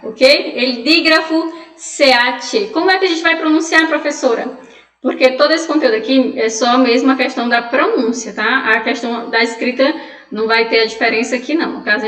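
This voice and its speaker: High-voiced teacher in echoey room. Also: female voice, fairly bright tone, distant mic. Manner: explanatory, drills words slowly, asks students' questions aloud. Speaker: Spanish teacher. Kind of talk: online pronunciation lesson.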